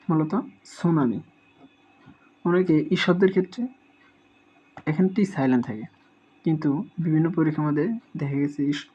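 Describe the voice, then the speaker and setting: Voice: medium pitch, warm tone, husky. A teacher giving a spelling lesson, sounding out each word syllable by syllable and repeating it several times. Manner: drills words by repeating them syllable by syllable. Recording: dull lo-fi recording.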